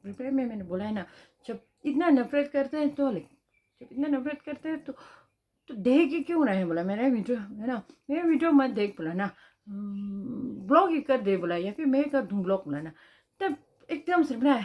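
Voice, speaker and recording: A woman's voice: fairly high pitch, expressive, moderate pace, dull audio. A Tibetan woman with a Tibetan accent, telling a personal story in a chatty vlog, repeating phrases and tagging questions as she goes. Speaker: vlogger.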